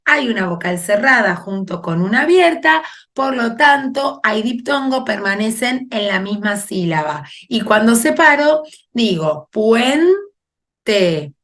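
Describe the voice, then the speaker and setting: A woman's voice: on the high side, expressive, unhurried, fairly bright tone. A woman teaching a grammar lesson, explaining patiently and checking in with her students as she goes.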